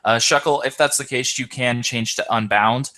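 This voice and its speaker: A man's voice: medium pitch, fairly even intonation, normal speed, sharp tone. A tired man hosting and commentating an online game tournament, hesitant, with many ums and self-corrections. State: tired, yawning.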